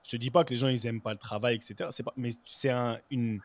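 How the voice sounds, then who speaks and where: A man, a former pro footballer, guest on a casual chat show, telling lively anecdotes full of "you know" fillers and stray English words. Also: medium pitch, quick pace, dry recording.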